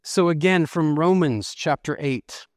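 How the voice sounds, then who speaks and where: A man's voice: fairly high pitch, unhurried, no echo, clean studio sound. A middle-aged man preaching a sermon, reading scripture and telling personal stories in an earnest way. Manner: earnest storytelling preacher, reads scripture aloud. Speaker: pastor.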